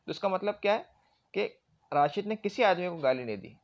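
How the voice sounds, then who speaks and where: Fairly high-voiced male grammar teacher, muffled. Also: animated. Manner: explains with everyday examples and frequent check-ins. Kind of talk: classroom grammar lecture. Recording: dull lo-fi recording.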